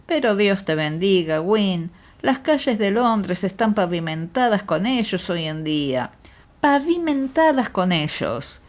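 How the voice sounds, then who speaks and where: Médico jovial y afable de audiolibro, con voz de mujer, exclama mucho, entonación viva. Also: female voice, mid-range voice, very animated, measured pace. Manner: effusive, exclamatory. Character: jovial exuberant male country doctor.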